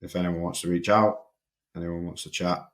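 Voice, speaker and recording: A young Yorkshire man, a strength and conditioning coach, is a guest in a casual podcast interview. His very low voice stays flat and even, and he speaks haltingly, often repeating words as he restarts sentences.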